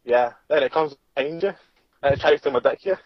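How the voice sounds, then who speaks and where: Guy, husky voice, kinda high, muffled lo-fi line. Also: fairly quick, dry recording. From Scotland. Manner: short, offhand replies. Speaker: guest. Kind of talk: casual chat.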